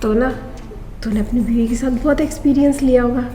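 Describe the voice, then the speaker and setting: A woman's voice: a little high, steady tone, a little fast, dark tone, faint music behind, lightly acted. An actress playing a rich, lonely wife in a scripted short drama. She coaxes at first and then turns bossy and threatening. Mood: flirtatious. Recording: echoey room with long reverb.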